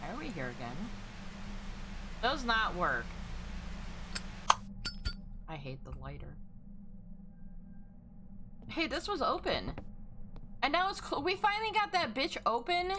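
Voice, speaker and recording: An American woman giving casual, expressive gameplay commentary, jokey and prone to swearing. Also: a little high, measured pace, pauses often, background noise. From United States. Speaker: streamer playing a horror game.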